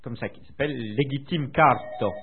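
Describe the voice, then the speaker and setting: An older French man being interviewed, recalling his past in a hesitant way with many filler pauses, heard over a tinny phone line. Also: medium pitch, background noise. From France. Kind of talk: recounting memories in conversation.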